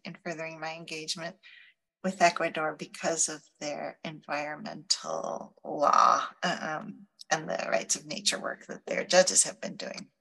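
Thoughtful lower-voiced woman professor. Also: sharp tone, rough recording. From Chile. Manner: thoughtful, measured, pauses to find words. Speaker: law professor, guest. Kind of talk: conversational interview answers.

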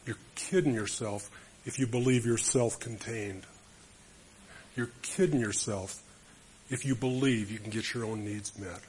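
A man's voice: fairly low pitch, unhurried, darkish tone, a little hiss or hum. A man preaching a sermon to a group of men, emphatic and storytelling. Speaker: speaker to men.

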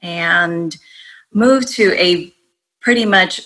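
A bubbly woman from Colombia, raised in Rhode Island, tells her story as a podcast guest. Her voice is bright and forward, set a little low in pitch, and her tone is relaxed and reflective. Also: extremely slow, rough recording. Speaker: life coach, podcast guest. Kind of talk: casual interview chat.

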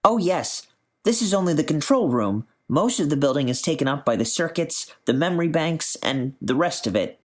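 A fussy, eager physicist with a raised, bright voice, as a man narrating puts him on. He explains in a rush and stumbles a little when he reassures. The pitch sits well above the narrator's low register. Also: sing-song, moderate pace. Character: fussy, eager middle-aged male physicist.

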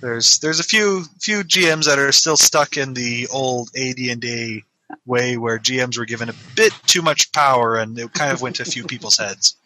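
A man's voice: medium pitch, normal speed, pushed and bright, no echo, low-quality recording. A man playing in a tabletop game, talking casually with hesitant fillers and wry jokes. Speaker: player.

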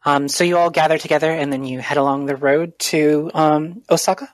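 A woman narrating a tabletop role-playing game as game master, with many pauses and ums. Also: low voice, fairly even intonation, dry recording.

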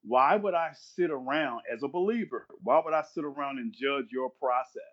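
A man's voice: medium pitch, moderate pace. Man in his 50s, preachy earnest podcast guest, repeats himself, kinda dull lo-fi sound. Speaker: guest minister. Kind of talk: podcast conversation, preaching-flavored.

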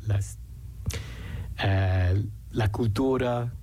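A middle-aged or older man from New York, a native English speaker with an American accent in Spanish, talking haltingly as an interview guest and searching for words. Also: fairly low pitch, mellow. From New York City, United States.

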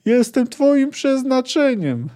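A woman's voice: high voice, very animated, slow, warm tone, pitched above the performer's own voice, heavily acted. A man voicing a small desperate girl who calls out shrilly and pleads with a departing man in an audiobook-style reading. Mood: desperate pleading.

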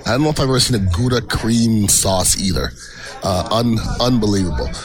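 Low-voiced man hosting a casual food show. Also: a little fast, faint music behind. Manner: hesitant, rambling, repeats words. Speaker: radio show host and co-host partner. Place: restaurant, recorded on location.

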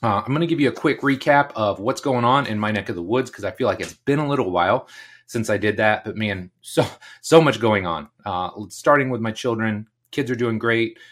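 A man's voice: lowish voice, a little fast, fairly bright tone. A middle-aged man hosting his own podcast, talking casually and upbeat in a solo episode, laughing now and then. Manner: chatty, upbeat, laughs often. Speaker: podcast host. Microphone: podcast microphone on video recording.

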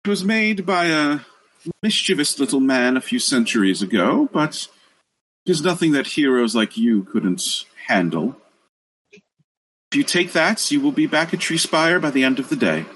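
A man voicing a kindly earth mother goddess in a tabletop game, speaking in a warm, serene, gracious manner. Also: a little high, very animated, moderate pace, slight background noise, voice pushed up, low-quality recording.

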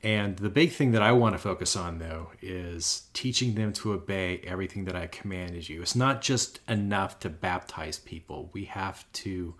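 A man's voice: low voice, normal speed, hardly any pauses, fairly bright tone. A man co-hosting a religious podcast as ordained clergy, explaining scripture in a teacherly way. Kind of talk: casual religious podcast chat.

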